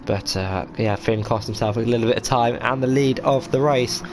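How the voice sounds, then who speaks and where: A man's voice: medium pitch, moderate pace, noisy background. A man giving live motorsport commentary on a sim race, hesitant and full of fillers as he follows each move.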